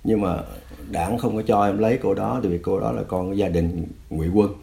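A man voicing a frightened former policeman who pleads softly and confesses. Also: low voice, steady tone, moderate pace, vocal fry. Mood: confessing. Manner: pleading, soft and apologetic.

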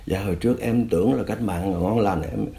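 A frightened young man begging forgiveness, as a man retells his words. He speaks softly and apologetically, pleading in a low, gravelly, dark voice. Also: a little fast. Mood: confessing.

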